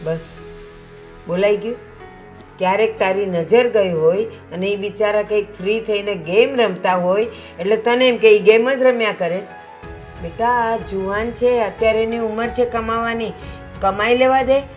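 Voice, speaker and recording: A middle-aged woman playing a sensible mother who calmly lectures her daughter. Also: mid-range voice, measured pace, soft background music, close to an everyday voice. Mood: lecturing. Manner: calm, lecturing.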